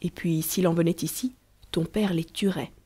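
A woman voicing a gentle, sly young peasant woman who talks soothingly and patiently to a small child in a storybook. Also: on the low side, fairly even intonation, normal speed, breathy edge. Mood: reassuring.

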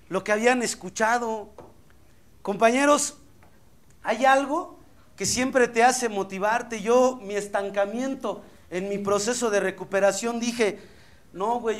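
A Mexican man with a very high-pitched voice tells his story at a recovery meeting. He speaks bluntly and with passion, swears freely, and acts out his own inner voice as he goes. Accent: Mexican Spanish. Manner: blunt, profane, impassioned storytelling.

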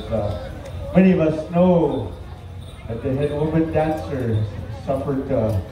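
An older man speaks like a powwow emcee, in measured short phrases. His voice is mellow and sounds distant, echoing heavily over a PA with some noise behind it. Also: fairly high pitch. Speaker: speaker for a family sponsoring a dance special. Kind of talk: powwow emcee style public address. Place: large open-sided tent at an outdoor powwow. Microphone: distant camera picking up PA. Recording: echoey PA from far off, background noise.

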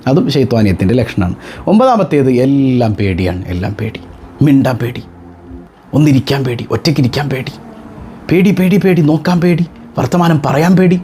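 A man, a religious teacher giving an animated talk to his followers, full of rhetorical questions and joking asides. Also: medium pitch, normal speed, slight background noise.

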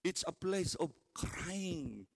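A man in his seventies preaching a sermon as pastor, swinging from hushed murmurs to shouted exclamations and calling out for hallelujahs. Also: high-pitched, expressive, drawn-out words, creaky. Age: 70s. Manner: calls for hallelujahs, mixes English phrases into preaching.

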